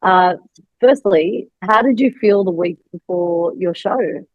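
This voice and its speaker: A woman's voice: fairly low pitch, takes it slowly, no echo, muffled recording. A woman hosting a casual podcast as a bodybuilding coach, giving reassuring advice with frequent fillers. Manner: reassuring, advisory, thinks aloud with fillers.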